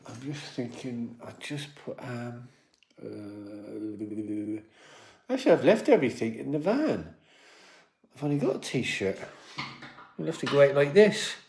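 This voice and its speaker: A man's voice: mid-range voice, animated, measured pace, vocal fry, pauses often, darkish tone, breathy edge. An older man, rambling casually to the camera as a vanlife vlogger and talking to his dogs. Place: in and around a van.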